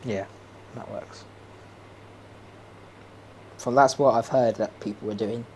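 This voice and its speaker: A man's voice: mid-range voice, steady tone, slow pace, darkish tone, slight background noise. A young man chatting casually while playing a game, rambling, opinionated and laughing often. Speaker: gaming streamer.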